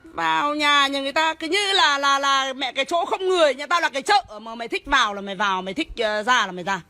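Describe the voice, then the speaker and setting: A woman, a homeowner shouting and swearing as she scolds police officers at her gate. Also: high voice, animated, fast talker, soft background music. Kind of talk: heated real-life argument.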